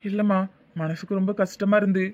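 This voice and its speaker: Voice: mid-range voice, steady tone, brisk, a little mellow, lo-fi sound, natural voice. A voice actor playing a grown son, a defensive, work-shy drinker in a cartoon drama. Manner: sulky, defensive retorts.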